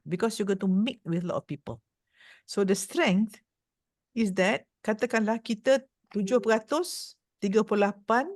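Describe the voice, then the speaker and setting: A woman's voice: medium pitch, darkish tone, no room sound, studio quality. A woman with a Malaysian accent giving a playful motivational talk to an audience and teasing the crowd. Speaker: motivational speaker.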